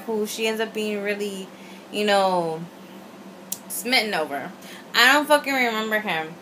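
A woman's voice: mid-range voice, sharp tone. A young adult woman giving a casual, opinionated video review, rambling tipsily with emphatic swearing and slang and slipping some Spanish in. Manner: tipsy, rambling drunk talk; mixes Spanish into English. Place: small indoor room at home. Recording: faint room noise.

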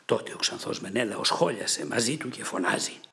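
A man narrating an audiobook of an epic poem in a measured, dramatic way. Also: on the low side, animated, creaky, pushed and bright.

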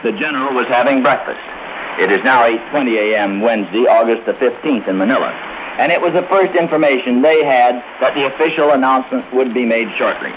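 A man's voice: medium pitch, noisy background. Man reporting war news on 1940s radio. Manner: measured, formal reporting. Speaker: war correspondent. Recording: muffled 1940s shortwave radio.

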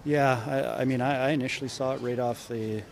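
A middle-aged man, a head coach, answering reporters after a game in a measured way, often restarting his sentences. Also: mid-range voice, steady tone, gravelly. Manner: measured, frequent restarts and repeated words. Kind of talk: postgame press conference. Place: indoor media room before a sponsor backdrop. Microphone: cluster of handheld reporter mics.

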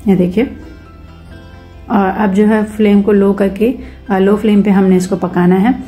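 A cooking channel host narrates her home recipe video in a casual voice-over, instructing step by step in Hindi mixed with English cooking terms. Her mellow mid-range voice keeps a narrow, even melody at a measured pace, with light music faint underneath.

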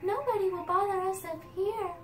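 A woman's voice: very high voice, normal speed, slight background noise. Princess Peach, sweet and gracious, as a woman puts her on. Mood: gentle. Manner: soft, polite storybook reading of game text. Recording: roomy, distant from the mic.

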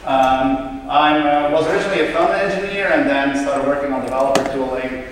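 A man's voice: mid-range voice, fairly quick, recorded from a distance, noisy background. A young man from Belgium giving a casual conference keynote on stage, with lots of ums and uhs. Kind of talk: conference talk. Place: large hotel conference hall on stage. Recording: echoey hall, miked from afar.

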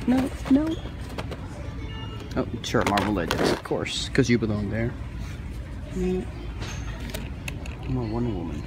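A man vlogging a toy hunt in a large store, muttering to himself as he browses the shelves and dropping Spanish exclamations. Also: mid-range voice. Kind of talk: casual vlog commentary. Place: large retail store, indoors.

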